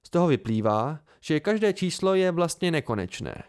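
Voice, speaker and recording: A man's voice: a little high, big pitch swings, a little mellow, clean tone, pitched above the performer's own voice. Man voicing a pedantic male student, lecturing, step-by-step, storybook.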